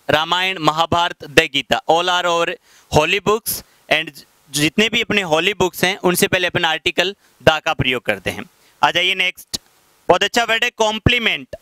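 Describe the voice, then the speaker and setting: In front of a classroom whiteboard, a man in his thirties with a Rajasthani Hindi accent teaches English vocabulary, explaining patiently and slowing to read example sentences aloud. His voice sits high, pushed and bright with a clean tone. The headset mic captures no room sound, but the recording quality is low.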